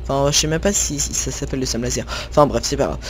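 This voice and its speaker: A young man from northern France talks fast at a medium pitch, casually commenting on his own gameplay for viewers as a gaming video creator. He rambles, filling gaps and correcting himself, while faint tractor and farm sounds from the game sit under slight background noise.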